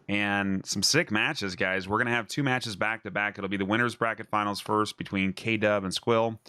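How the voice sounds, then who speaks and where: A male host calling a live gaming tournament with a bright, sharp, forward voice. He sits on the low side in pitch and sounds close and dry, bursting into quick exclamations. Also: clean tone, no room sound. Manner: excitable, exclamatory. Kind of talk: live esports commentary.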